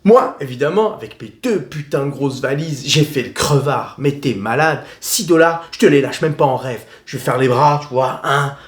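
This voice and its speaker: A man's voice: medium pitch, moderate pace, hardly any pauses. Slangy French-speaking man, roomy echo. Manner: slangy, blunt and joking. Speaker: travel vlogger. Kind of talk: casual advice vlog.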